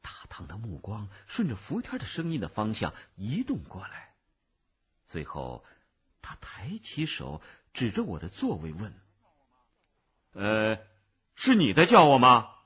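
A man reading a children's story aloud in the first person, slow and expressive. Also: fairly low pitch, husky, muffled recording.

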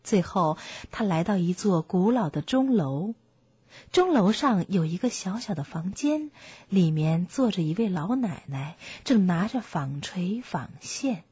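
Woman storyteller, slow storybook read, breathy, music bed. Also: fairly low pitch, animated, dry recording. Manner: gentle storybook reading. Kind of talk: reading a fairy tale for children. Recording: muffled, dry, soft music behind.

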